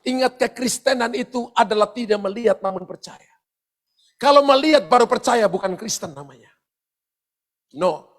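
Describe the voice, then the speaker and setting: A man with a strikingly high voice preaches a sermon as pastor. He talks straight to the congregation and acts out stories with big, loud exclamations. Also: moderate pace, long pauses. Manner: animated storytelling with loud exclamations; addresses the congregation directly and often. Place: church service.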